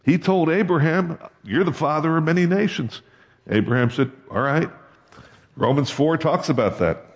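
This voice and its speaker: A man with a fairly high voice, speaking at normal speed, preaches a conversational sermon and keeps asking his congregation questions. He's a pastor, and there is long hall reverb.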